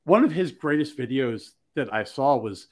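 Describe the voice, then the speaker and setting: Man telling a lively story on a podcast. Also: mid-range voice, normal speed. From Maryland. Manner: animated storyteller acting out quoted dialogue. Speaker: podcast host. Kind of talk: casual storytelling chat.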